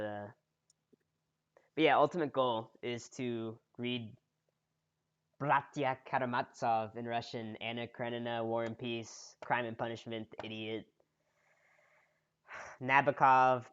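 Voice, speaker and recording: Male podcast co-host, mid-pitched, laid-back filler-heavy chat, slightly lo-fi recording. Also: measured pace, smooth. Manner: relaxed, heavy use of "like" and "uh". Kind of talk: casual chat.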